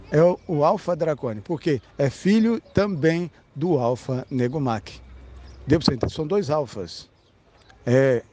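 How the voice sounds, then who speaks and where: Brazilian guy ranting about spiritual stuff, kinda high pitched but mellow, swears a lot, keeps asking the listener "tá?". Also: a little hiss or hum. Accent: Brazilian Portuguese. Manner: blunt, emphatic, sprinkled with profanity; addresses the listener directly with frequent "tá?". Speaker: esoteric spiritual speaker. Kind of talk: rambling esoteric monologue.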